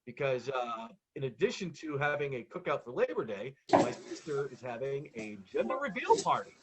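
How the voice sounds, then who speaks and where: A man's voice: mid-range voice, very animated, normal speed, very noisy. A man doing a stand-up monologue of punchy jokes, told as conversational stories with acted-out exchanges in an exasperated, self-mocking way. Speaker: touring road comic.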